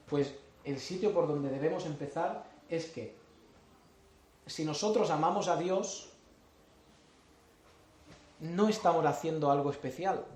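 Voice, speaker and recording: Pastor preaching in a big echoey church, keeps asking the crowd quick questions, mic kinda far off. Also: male voice, on the high side, darkish tone. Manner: asks the congregation short questions. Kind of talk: sermon. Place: church hall.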